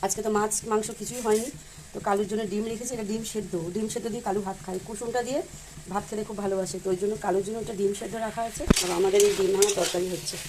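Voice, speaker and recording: In this casual cooking vlog, a woman at her village home talks viewers through every step of her cooking as she also feeds animals. She speaks rapid-fire in a mid-range voice with fairly even intonation, over background noise.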